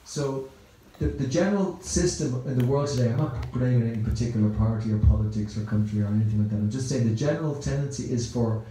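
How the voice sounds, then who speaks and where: Speaking fast with hardly any pauses, this Irish temple speaker has a medium-pitched, dark voice. His Sunday talk in the temple hall is conversational and meandering, with repeated words, and the room is very echoey.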